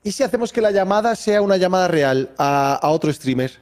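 High-voiced excitable man. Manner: excitable, quick to laugh and shout. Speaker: streamer playing quiz game. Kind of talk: casual group banter.

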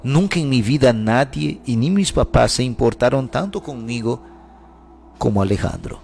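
Gravelly man narrating a dramatic story. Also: mid-range voice, expressive, moderate pace, darkish tone. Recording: music playing under the voice.

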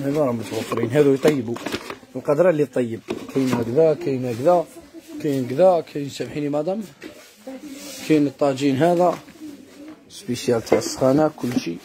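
Give me a quick Algerian shopkeeper, a man hawking housewares in a fast patter over crowd noise. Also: mid-range voice. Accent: Algerian Arabic. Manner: calls out prices and addresses customers directly. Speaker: shop salesman. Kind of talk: rapid sales patter. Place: busy housewares shop.

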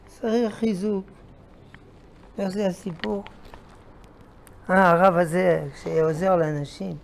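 A man's voice: sits high, darkish tone, slight background noise. An older man, a rabbi, giving an emphatic Torah lesson, repeating key phrases and asking rhetorical questions.

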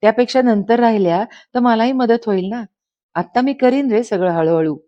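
A woman's voice: on the high side, moderate pace, highs cut off, close to an everyday voice. A woman voicing a hurt young pregnant wife who speaks in a pleading, reproachful way close to tears, in a dramatized story reading. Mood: gentle.

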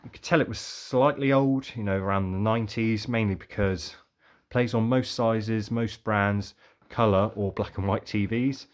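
A man's voice: fairly low pitch, steady tone, normal speed. A young man chatting casually about his bargain finds, rambling and thinking aloud. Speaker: vlogger reviewing car boot sale finds. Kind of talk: casual show-and-tell.

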